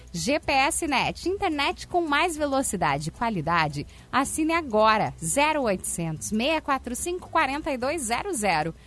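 Female radio announcer, high and animated, selling hard in ad reads over a music bed. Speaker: radio host reading sponsor ads. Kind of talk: scripted radio sponsor read, promotional ad delivery.

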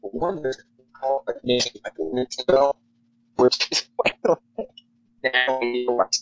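A man's voice: medium pitch, measured pace, a bit bright, muffled recording. A man chatting casually on a call, swearing freely, his bluetooth audio cutting out. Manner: loose, rambling, swears freely. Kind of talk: casual chat. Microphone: remote call with bluetooth headset.

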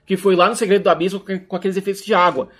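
A man's voice: high-pitched, fairly even intonation, very fast, fairly bright tone. A Brazilian man co-hosting a podcast, matter-of-fact and informative. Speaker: podcast co-host. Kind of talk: casual chat.

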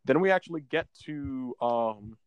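A man's voice: medium pitch, expressive, measured pace, clear, resonant tone. A man co-hosting a casual gaming podcast, rambling along and often tripping over his words. His voice sits in a middle register. The sound is dry and close, with no room echo. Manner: rambling, stumbles and restarts often. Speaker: podcast co-host. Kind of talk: casual chat about a video game.

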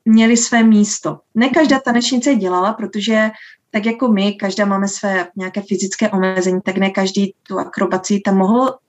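A woman who teaches dance, answering interview questions in a slow, thoughtful way with many filler sounds. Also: mid-range voice, fairly even intonation. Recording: dull lo-fi sound.

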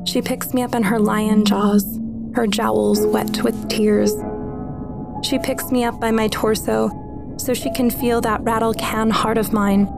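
A woman performing a first-person spoken-word story, slow and deliberate, lingering on each image. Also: fairly high pitch, level tone, gravelly, music in the background.

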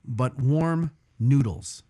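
A man's voice: mid-range voice, extremely slow, dark tone. A male podcast co-host joking dryly with a guest. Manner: dry, joking. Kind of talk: casual podcast chat.

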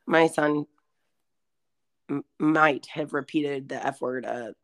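A woman's voice: sits low, takes it slowly. A woman in her twenties co-hosting a podcast, chatting casually with lots of fillers as she tells stories. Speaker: podcast co-host. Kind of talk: casual chat.

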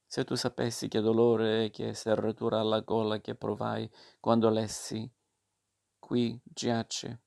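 A man's voice: on the low side, completely flat delivery, unhurried, creaky, darkish tone. A man reading aloud and voicing a naughty wooden puppet boy who pleads and promises eagerly to change.

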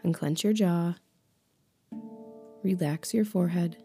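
A woman leading a guided meditation with affirmations in a calm, soothing, unhurried, breathy voice that is close to a whisper, right in the listener's ear. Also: lowish voice, soft background music.

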